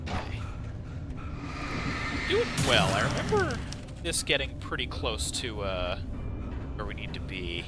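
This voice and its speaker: Man, gaming stream commentary, chatty, animated pitch, loud game soundtrack underneath. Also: unhurried, long pauses. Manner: chatty, reacts with startled outbursts and swearing. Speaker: streamer playing a horror game. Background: loud game music.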